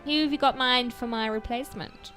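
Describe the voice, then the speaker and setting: A woman's voice: a little high, brisk, a bit bright, soft background music, close to an everyday voice. A woman playing a vain elderly actress who talks grandly and makes mock threats. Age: older. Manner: grand, theatrical, mock-menacing. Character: vain elderly female actress, theatrical and boastful.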